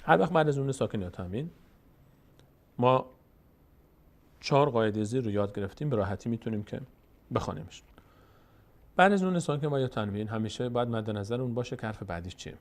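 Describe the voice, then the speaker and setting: A man teaching Quran reading step by step. He is patient and repetitive, answers his own questions, and slowly stretches out sounds when demonstrating them. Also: mid-range voice, animated. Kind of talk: step-by-step recitation lesson.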